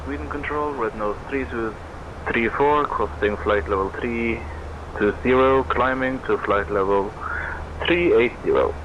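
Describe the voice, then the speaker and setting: A man's voice: mid-range voice, a little slow. A man speaking as a pilot in clipped, matter-of-fact aviation radio phrasing, heard through a radio transmission with static bursts. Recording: muffled noisy radio channel.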